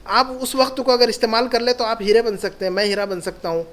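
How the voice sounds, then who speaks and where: A man's voice: sits high, a bit bright. A man teaching a classroom lesson as an Arabic teacher, encouraging his students and repeating key points.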